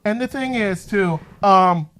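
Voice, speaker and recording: A man with a high, lifted voice hosts a reaction show, talking in an animated, emphatic way. His recording is dry and close, with no room sound. He keeps his commentary on the clips casual. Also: slow, dry recording.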